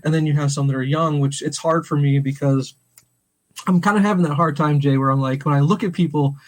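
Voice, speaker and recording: Slightly high-pitched and steady, this man talks fairly quickly as he co-hosts a laid-back podcast. In his forties and from St. Louis, USA, he rambles through stories, laughs often, and voices other people's lines when quoting them.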